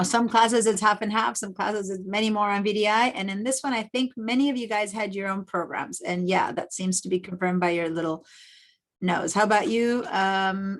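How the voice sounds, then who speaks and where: A woman from Argentina, a native Spanish speaker, teaching an illustration class online over a video call with a headset, chatty and given to rambling asides. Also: mid-range voice. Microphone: Bluetooth headset on video call.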